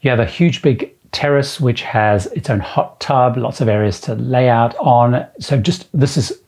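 A middle-aged cruise travel vlogger talks to camera in an unhurried, mid-range voice with a darkish, breathy edge, touring suites and enthusiastically listing features with repeated superlatives. He's in an indoor room hung with framed ship posters, wearing a lapel mic, with the camera framed at his chest.

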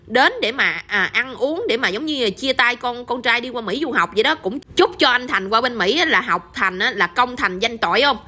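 A woman's voice: fairly high pitch, expressive, moderate pace, few pauses, bright, forceful tone. A woman with a Southern Vietnamese accent telling a story casually, often turning to her listeners with tag questions.

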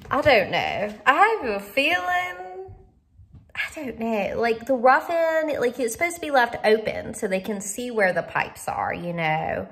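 A woman's voice: a little high, sing-song, unhurried, a bit bright, breathy edge. A woman vlogging her house renovation, talking through her doubts in an uncertain, worried way. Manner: uncertain, worried thinking aloud. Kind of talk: casual vlog narration.

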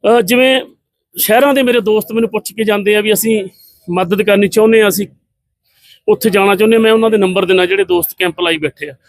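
High and dry with no echo, this male politician from Punjab, India, talks fast through a heated press statement. He is combative and scornful, leaning on rhetorical questions.

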